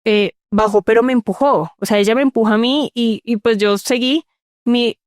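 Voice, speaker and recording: A woman with a fairly high voice tells her own story as an interview guest, speaking at a normal pace. She sounds earnest and repeats words for emphasis. The studio recording is clean, with no echo.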